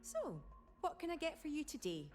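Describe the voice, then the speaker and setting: Game casting: high, lively Scottish tea shop clerk, chatty and fan-struck. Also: female voice, normal speed, soft background music. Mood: cheerful.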